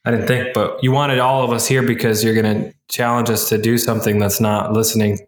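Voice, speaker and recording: A man's voice: lowish voice, flat delivery, fairly quick. A man co-hosting a podcast in casual conversation, in an echoing, tunnel-like empty kitchen and dining room. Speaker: podcast co-host. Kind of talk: casual chat. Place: echoey kitchen and dining area of an unfurnished house. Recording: echoey, tunnel-like room sound.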